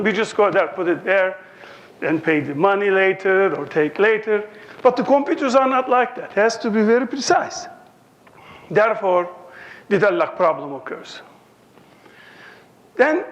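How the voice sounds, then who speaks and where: A man in his sixties from Turkey with a Turkish accent, giving a conference lecture in a joking, anecdotal way. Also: sits high. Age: 60s.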